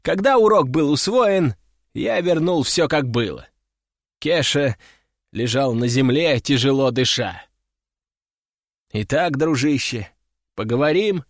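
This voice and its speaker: A man narrating a first-person audiobook story in a wry, measured way. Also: medium pitch, animated, no room sound, clean studio sound. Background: faint music.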